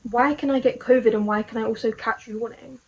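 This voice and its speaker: A woman's voice: a little high, fairly even intonation, brisk, a little mellow, dull audio. Chatty young woman vlogging. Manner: chatty, puzzled, full of "like" and rhetorical questions. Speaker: video diary vlogger. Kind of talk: casual rambling monologue to camera.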